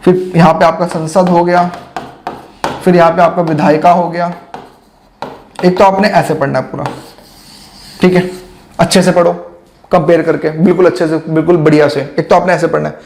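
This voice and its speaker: High, gravelly-voiced male teacher. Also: level tone, moderate pace, long pauses, darkish tone. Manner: chatty, addresses students as friends, frequent asides. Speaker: exam coaching teacher. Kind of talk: casual classroom-style lecture.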